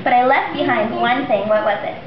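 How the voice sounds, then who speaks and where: Sweet young princess woman performer, bright and sing-song, coaxing small children through a fairy tale; high voice, muffled sound. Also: brisk, close to an everyday voice. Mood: sweet, storytelling. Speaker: children's party princess entertainer. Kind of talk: interactive storytelling for small children. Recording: dull roomy camera audio, clear background noise. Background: small children at a party.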